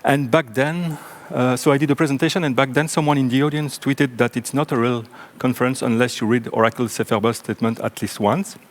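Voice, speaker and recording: A man with a French accent from Belgium speaks at an ordinary, middling pitch as he presents a technical talk on a conference stage. He talks in a loose, good-humoured way, dropping in little jokes and plenty of ums and self-corrections. He sounds like a stage microphone in a big conference room. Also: fairly quick, few pauses. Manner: relaxed, joking, with frequent ums and restarts.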